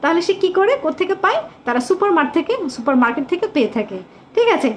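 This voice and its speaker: A woman teacher giving a live online English lesson, patiently repeating questions and drawing out English words slowly. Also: very high voice, very animated, slight background noise.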